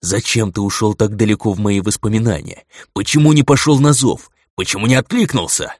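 A man's voice: deep voice, lively intonation, a little fast, dry recording. Guy reading cranky old wolf god, growly and curt, dry close sound. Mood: irritated. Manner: brusque, growling reproach.

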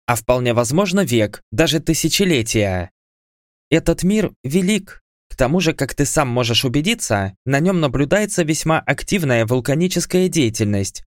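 A haughty goddess of death who hands down orders with cold scorn, as a male narrator puts her on in a higher voice. She sounds close and dry in a dead room. Her delivery is imperious and commanding, made for an audiobook. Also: no echo, lightly acted.

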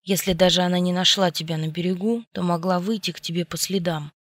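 Lady doing a worried young guy, urgent and protective, kinda pushy, low-ish voice. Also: fairly even intonation, fast, no echo, clean studio sound, lightly acted. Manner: urgent, pleading, then scolding.

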